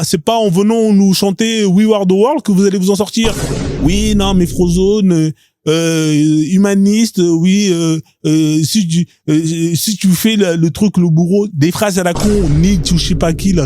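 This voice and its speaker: A man's voice: sits high, background noise. A man hosting a live stream in casual commentary, talking bluntly and crudely, often tossing out a rhetorical "hein?".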